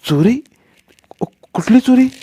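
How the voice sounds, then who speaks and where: A man's voice: a little high, expressive, normal speed, no room sound, pitched above the performer's own voice, close to an everyday voice. A man voicing a scared young village boy who stammers nervously.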